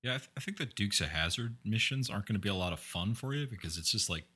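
Deep-voiced deadpan man from Iowa. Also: quick pace, husky. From eastern Iowa. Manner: dry, deadpan jokes. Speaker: podcast co-host. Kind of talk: casual chat.

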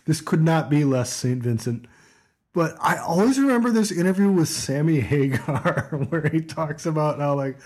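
A man's voice: fairly high pitch, expressive, normal speed, darkish tone. A man co-hosting a music podcast, chatting casually with lots of fillers and frequent laughter. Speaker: podcast co-host.

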